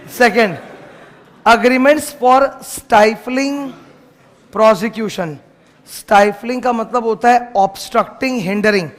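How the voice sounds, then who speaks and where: A man teaching law to a class in a casual lecture, stopping at times to scold the noisy students. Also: very high voice. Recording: long hall reverb.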